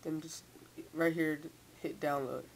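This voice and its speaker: A young teen with a mid-pitched voice talks through a casual, unscripted computer tutorial. The speech is halting and repetitive, a little impeded by a sore, braced mouth. A faint hiss sits behind the home-mic recording. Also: fairly even intonation, creaky. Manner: halting, repeats words. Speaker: software tutorial maker. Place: indoors at a computer. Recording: hissy, noisy home microphone.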